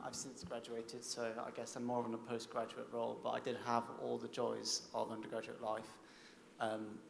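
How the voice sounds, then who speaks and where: In an echoey hall with faint noise, a young man speaks on an informal panel. His voice is even and gravelly, and he tells his story reflectively, with hesitations. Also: medium pitch. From South Wales. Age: 20s. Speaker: panel speaker, recent music graduate. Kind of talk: informal panel talk to an audience.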